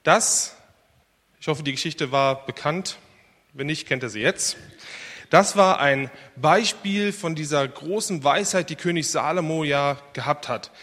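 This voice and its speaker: A fairly high-voiced man preaches to his congregation. He talks earnestly, pushing key words hard. His voice rings out with a long echo through a church hall. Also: measured pace, fairly bright tone. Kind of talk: sermon with prayer and Bible reading. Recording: reverberant hall.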